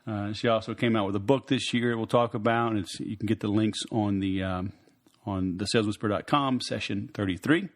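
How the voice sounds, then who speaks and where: A man hosting a podcast in a casual interview style, halting, with frequent ums and pauses. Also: fairly low pitch, fairly even intonation. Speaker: podcast host.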